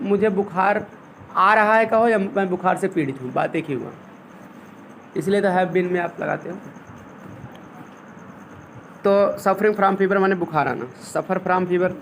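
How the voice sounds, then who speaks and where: High-voiced male teacher, slow dictation. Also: fairly bright tone, slight background noise. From India. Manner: explains step by step, dictates English sentences slowly, asks questions. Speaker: English teacher. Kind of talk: classroom lesson.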